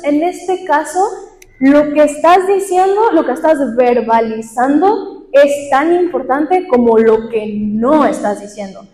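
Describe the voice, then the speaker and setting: A woman with a fairly high but darkish-toned voice leads a leadership and communication workshop. She asks the audience questions and acts out everyday examples, and the echoey hall adds long reverb.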